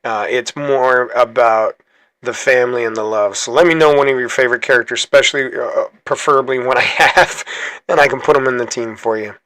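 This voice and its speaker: A man's voice: mid-range voice, brisk, bright, forceful tone, no echo. A man hosting his gaming channel, chatting casually through gameplay, rambling and correcting himself as he goes. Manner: chatty, rambling, self-correcting, laughs easily.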